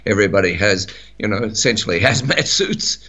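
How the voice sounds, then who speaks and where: Rambling middle-aged Australian man, low voice. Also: brisk, pushed and bright. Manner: rambling, many fillers and restarts. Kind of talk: casual talk radio chat.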